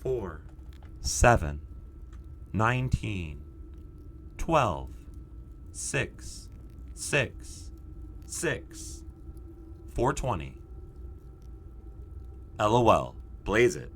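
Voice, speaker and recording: Man imitating a numbers station monotone, low droning voice, deadpan, bright edge, faint hiss behind. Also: extremely slow, long pauses, full character voice. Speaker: game streamer. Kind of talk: gameplay live stream.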